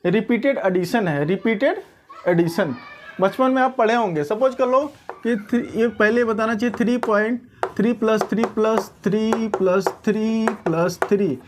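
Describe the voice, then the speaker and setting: A woman's voice: a little high, normal speed, a little hiss or hum. A woman teaching a maths lesson, often asking students if they understand. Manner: questioning, checks understanding often. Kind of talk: classroom-style maths lesson.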